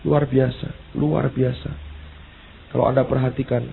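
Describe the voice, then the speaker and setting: A male pastor preaching an emphatic sermon, repeating exclamations and reading verses slowly. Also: mid-range voice, flat delivery, creaky. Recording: tinny phone-like sound with faint hiss.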